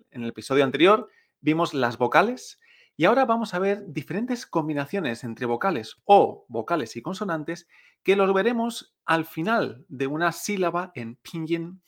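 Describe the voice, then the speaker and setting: A young man teaching Chinese pronunciation in Spanish, explaining slowly, repeating sounds and adding a checking "eh?". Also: sits high, a bit bright. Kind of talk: pronunciation lesson.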